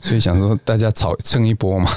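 A man co-hosts a casual podcast, rambling through stories and laughing often. His voice sits fairly low. The sound is close and dry. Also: steady tone, quick pace, a little mellow, no echo. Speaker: podcast co-host. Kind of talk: casual chat.

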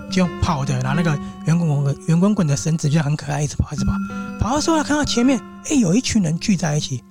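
A man hosting his own show tells a ghost story in a loose, chatty, animated way, with frequent asides to his listeners. His accent is Taiwanese Mandarin, and background music plays under his voice. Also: a little high. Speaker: host and storyteller. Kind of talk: casual ghost-story telling.

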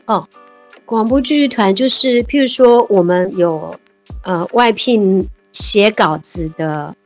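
Faint music plays behind a woman speaking slowly in a medium-pitched voice. She is a Taiwanese civil servant in her 50s, guesting on an interview, casual and animated, quick to laugh, and heavy on fillers.

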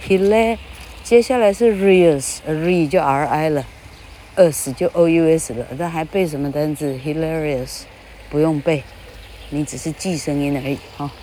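A woman with a Taiwanese Mandarin accent, chatting casually as an English teacher, often laughing and spelling words out slowly. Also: sits low, mellow, a little hiss or hum.

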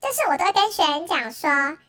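High, squeaky voice-changed teacher. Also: brisk. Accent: Taiwanese Mandarin. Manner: animated, dramatic, exasperated retelling. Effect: pitch-shifted voice changer. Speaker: wind instrument teacher. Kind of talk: storytelling podcast chat.

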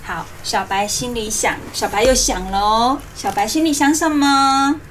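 High-voiced woman reading as if to toddlers. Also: moderate pace, far from the mic, noisy background. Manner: animated, simple coaxing speech, as if reading to a toddler. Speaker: host of a children's radio story programme. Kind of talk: interactive storytelling to young children, asking questions. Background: music.

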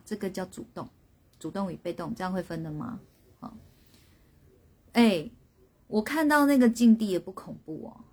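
A woman's voice: medium pitch, a little mellow, breathy edge. A woman, a spirit medium hosting a casual live stream, telling a story and reading out viewers' guesses with lots of laughter.

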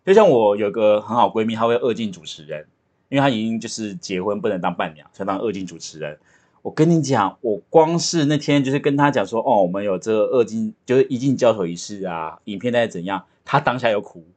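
A man talks quickly in relaxed podcast banter. His pitch swings widely as he jokes and tells stories, and he sounds animated and chatty throughout. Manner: animated, chatty, jokey storyteller. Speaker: podcast co-host about to marry. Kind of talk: casual chat.

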